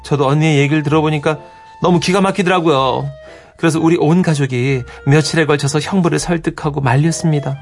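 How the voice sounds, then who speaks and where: A male radio host reading a listener's letter aloud in a lively storytelling manner. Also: fairly high pitch, a little fast, faint music behind.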